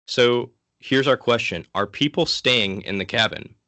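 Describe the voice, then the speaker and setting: A man giving an informal, interactive lecture in a casual, conversational way, sick and low on energy. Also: measured pace, bright, forceful tone, dry recording. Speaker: guest lecturer from an online ministry.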